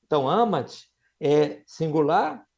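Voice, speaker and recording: High-voiced Brazilian man teaching Latin. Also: expressive, gravelly, darkish tone, dull audio. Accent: Brazilian Portuguese. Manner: patient, drills students with questions; repeats and slows words to model them. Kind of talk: live classroom lesson.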